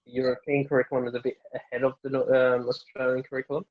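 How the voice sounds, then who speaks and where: Racing along in a mid-range voice over phone-quality sound, a young Norwegian-born family physician answers interview questions loosely, with many fillers and restarts.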